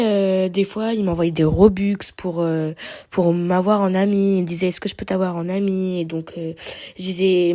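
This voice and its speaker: A woman's voice: lowish voice, dark tone. A young woman telling her story hesitantly, with frequent fillers. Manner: hesitant, many "euh" fillers. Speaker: testimony giver.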